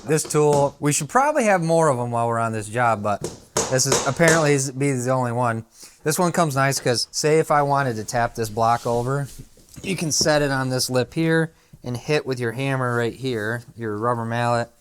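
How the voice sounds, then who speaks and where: A man's voice: medium pitch, moderate pace, smooth. A man who works as a contractor, casually talking through measurements and flooring steps inside a house under renovation. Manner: plain-spoken, talks through numbers step by step. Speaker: flooring contractor and channel host. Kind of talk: casual how-to instruction on a job site.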